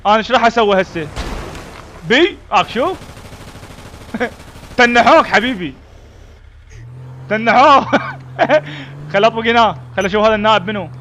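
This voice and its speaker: A man's voice: sits high, expressive, moderate pace, pauses often, pushed and bright, slight background noise. A man with an Iraqi accent playing a defiant army colonel in a street confrontation skit, talking bluntly and barking commands. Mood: casual. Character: defiant middle-aged male army colonel.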